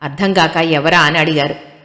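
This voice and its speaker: A woman narrating an audiobook story in a steady, storytelling manner. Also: on the low side, normal speed. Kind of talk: scripted narration. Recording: long hall reverb.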